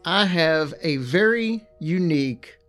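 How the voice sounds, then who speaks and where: A man's voice: fairly high pitch, animated, slow, a bit bright, soft background music. A man co-hosting a podcast, casually telling a ghost story with chatty, joking asides. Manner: chatty, laid-back, jokey asides.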